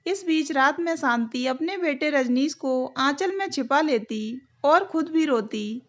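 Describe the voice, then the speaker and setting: A woman narrating a moral story in an even, deliberate way. Her voice is high and her pace unhurried. The recording sounds dull and lo-fi.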